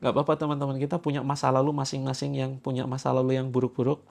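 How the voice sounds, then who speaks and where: A man's voice: mid-range voice, monotone, very fast, creaky. Man leading a healing session. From Java, Indonesia. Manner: instructive and joking, with sudden loud commands. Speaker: spiritual healing coach.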